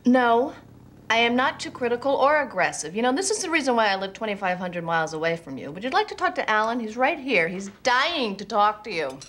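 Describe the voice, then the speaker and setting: An actress in her thirties playing a quick-witted divorced teacher and mother, with a dry, teasing way of talking in a TV film. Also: a little high, sing-song, a bit bright. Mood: exasperated. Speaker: lead character, teacher and single mother. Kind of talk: TV film acting.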